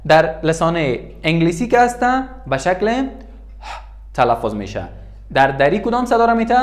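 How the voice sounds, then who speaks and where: Lively teacher with an Afghan Dari accent. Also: male voice, a little high. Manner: repeats each word slowly, then translates it. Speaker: English teacher. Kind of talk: bilingual classroom lesson. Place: room with a writing board.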